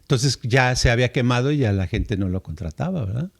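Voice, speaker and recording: A man's voice: mid-range voice, a little fast, creaky. Older man telling anecdotes. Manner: storytelling, animated, acts out quoted voices with laughs. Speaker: podcast co-host. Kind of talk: casual conversational podcast chat.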